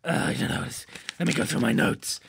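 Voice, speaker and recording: A man playing a goofy, laddish male superhero in a comic podcast monologue, rambling and excitable, often breaking into shouts. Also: medium pitch, fairly quick, creaky, breathy edge, heavily acted.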